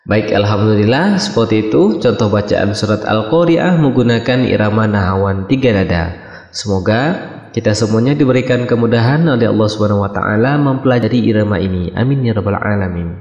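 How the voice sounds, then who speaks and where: Low-voiced male teacher in an echoey room. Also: brisk, a little mellow, muffled recording. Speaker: channel host and recitation teacher. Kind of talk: friendly spoken instruction. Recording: echoey room with long reverb.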